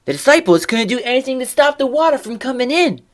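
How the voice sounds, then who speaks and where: A young woman leading a children's Bible lesson. She tells the story expressively, with a lively voice that rises and falls a lot. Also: high-pitched, fast.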